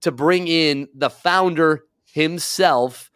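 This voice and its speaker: A man's voice: on the high side, slow pace, fairly bright tone, smooth, no room sound. A man hosting a promotional talk show in a studio, upbeat and salesy, speaking into a desk mic. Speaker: show host.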